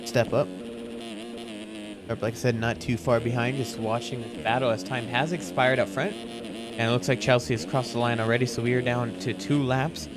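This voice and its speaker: A man's voice: medium pitch, fairly even intonation, normal speed, over loud music. A man giving live motorsport race commentary in an informal, conversational play-by-play style.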